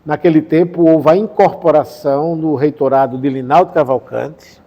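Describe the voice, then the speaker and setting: An older man from the Sertão of Paraíba in Brazil, calmly recalling his career in an interview, pausing to correct names and dates. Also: on the high side, lo-fi sound. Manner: unhurried, recounts dates and names, self-correcting. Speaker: interviewee, retired professor and former education official. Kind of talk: reminiscing interview answer.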